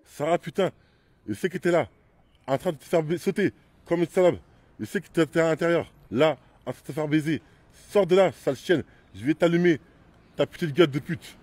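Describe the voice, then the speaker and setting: Man doing an enraged stalker type, yelling threats, husky voice, dry sound. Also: a little high, lively intonation, fairly quick, no room sound. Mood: raging. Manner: shouting, insulting, menacing. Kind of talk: amateur theatre web-series acting.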